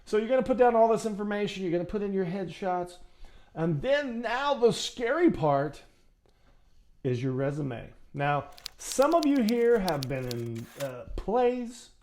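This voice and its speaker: Male acting coach, fairly high voice, very animated delivery, folksy and direct to camera. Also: a little slow, slight background noise. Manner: chatty, folksy, addresses viewer directly. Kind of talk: casual how-to talk.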